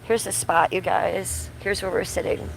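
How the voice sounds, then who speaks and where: Out in her backyard under the trees, a woman livestreams a casual chat while sick and losing her voice a little. Her voice is low, creaky and steady at a normal speed, and the poor audio carries slight background noise. She's chatty and loose, swears now and then, and greets chat viewers by name.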